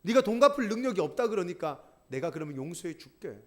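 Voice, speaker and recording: A man's voice: sits high, sing-song, fast talker. A man voicing a stern but merciful king who speaks in a commanding, weighty way, in a sermon story.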